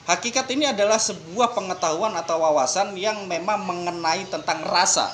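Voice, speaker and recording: An Indonesian man talks through spiritual ideas in an easy, explanatory manner, reaching for homely examples. His voice sits a little high for a man. A faint noise floor hums beneath the conversation. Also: moderate pace. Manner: explanatory, uses everyday examples, relaxed and joking. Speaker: guest speaking on Sufism. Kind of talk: casual podcast conversation, explaining religion.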